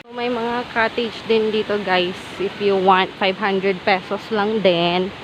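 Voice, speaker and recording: A travel vlogger walks outdoors by waterfalls, narrating casually in a mid-range, fairly even voice while chatting, exclaiming and laughing often. The lo-fi recording is full of loud rushing water.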